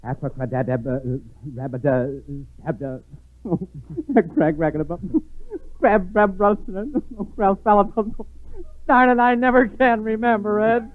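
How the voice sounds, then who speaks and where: A man's voice: medium pitch, unhurried, close to an everyday voice. A man playing a bumbling swami fortune teller with mock-mystical, incantatory delivery in a 1940s radio comedy. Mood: flustered chanting. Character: bumbling male mystic swami with a crystal ball. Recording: tinny 1940s radio broadcast.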